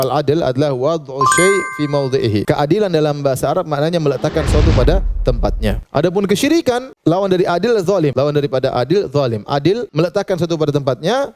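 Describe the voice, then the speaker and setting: A man preaching a sermon to an audience. He adds "ya" after his points and acts out scolding parents for laughs. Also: mid-range voice. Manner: lively, mimics parents' scolding with humor, frequent "ya".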